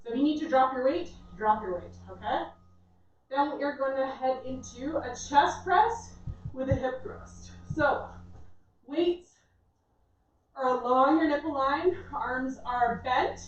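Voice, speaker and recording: High-voiced woman coaching in an echoey room. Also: a little slow. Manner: encouraging, reassuring. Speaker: fitness instructor. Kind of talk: instructional workout coaching. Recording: echoey room, distant dull mic, faint noise.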